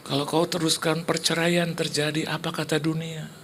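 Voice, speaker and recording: A man voicing God, speaking slowly in a hushed, tender tone. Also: fairly high pitch, flat delivery, slight background noise, voice pushed up. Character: gentle, solemn voice of God comforting a man.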